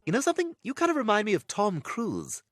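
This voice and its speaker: A bratty cartoon baby. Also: male voice, sits high, wildly swooping pitch, fast, music in the background. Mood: teasing. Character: bratty talking baby boy. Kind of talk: cartoon voice acting.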